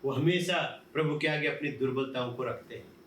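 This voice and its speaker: A man's voice: medium pitch, normal speed, fairly bright tone, slight background noise. A male pastor preaching a sermon, posing questions and answering them himself. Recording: roomy, from a distance, faint ambience.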